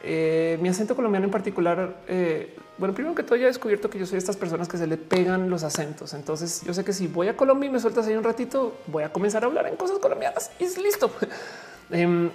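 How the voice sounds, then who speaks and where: A woman's voice: mid-range voice, lively intonation, fast talker, a little mellow, soft background music. A woman in her forties with a Mexican accent, casually chatting and reading viewer comments aloud, laughing often. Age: 40s. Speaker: streamer answering chat. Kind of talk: casual live chat.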